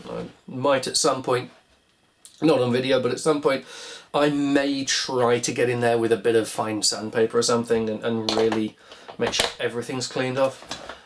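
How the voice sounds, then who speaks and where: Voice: mid-range voice, little pitch movement, normal speed, a little hiss or hum. A vlog host giving casual hands-on repair commentary, musing wryly and asking themselves questions in a rambling way. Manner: rambling, wry musing with self-directed questions.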